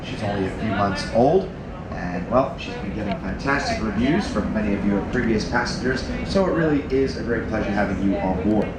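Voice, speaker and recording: A man working as a cruise director, giving a polished, formal welcome announcement with a showman's delivery. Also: on the low side. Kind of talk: welcome announcement over ship's speakers. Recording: echoey announcement under loud noise.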